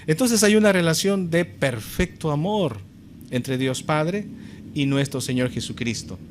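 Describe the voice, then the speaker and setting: A man's voice: a little high, unhurried, noisy background. A man preaching a sermon as pastor, talking earnestly to his congregation and building to emphatic peaks.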